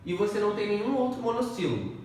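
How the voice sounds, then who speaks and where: In a high, sing-song voice that's a little mellow, a male teacher explains grammar for an exam at a quick pace, going step by step and frequently checking in with students. A distant mic captures him in an echoey room with faint noise.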